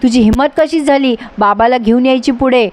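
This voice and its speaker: Lady putting on a whiny spoiled jealous girl, high and demanding, storybook retelling. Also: fairly quick, darkish tone, lightly acted. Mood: angry. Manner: whiny, insistent scolding. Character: spoiled jealous young daughter, shrill and demanding.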